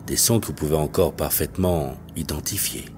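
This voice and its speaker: A male hypnotherapist leading a guided hypnosis session in a slow, detached, hypnotic delivery, with soft music behind him. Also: extremely low pitch. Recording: faint background music.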